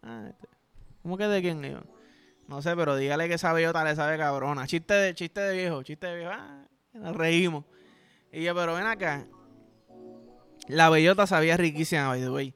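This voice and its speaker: High-voiced Puerto Rican man telling stories. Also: moderate pace, clean tone, faint music behind. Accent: Puerto Rican Spanish. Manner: crude, animated, acts out dialogue. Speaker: podcast host. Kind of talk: casual storytelling.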